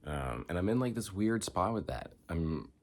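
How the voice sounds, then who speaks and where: A man's voice: low-pitched, sing-song, moderate pace. A young man, congested, rambling reflectively in a candid personal vlog with many filler words. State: congested, coughing. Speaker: vlogger.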